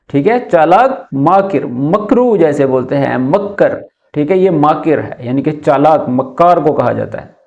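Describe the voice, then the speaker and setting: A man giving a casual vocabulary lesson, repeating each word slowly and explaining its meaning. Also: a little high, darkish tone. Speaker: Arabic teacher.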